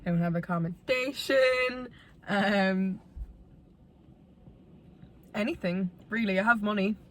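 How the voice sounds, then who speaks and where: A woman's voice: medium pitch, takes it slowly. A woman in her twenties with a west of Ireland accent, chatting casually and candidly to viewers in a rambling, self-deprecating way. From Galway, Ireland. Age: 20s. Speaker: vlogger.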